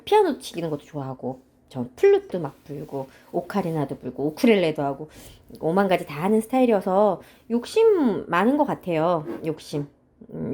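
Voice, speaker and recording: A woman chatting casually and alone while she cooks at home, thinking aloud in an unhurried, hesitant way. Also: medium pitch, mellow. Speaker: home cooking vlogger. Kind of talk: casual solo chat while cooking. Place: at home while preparing food.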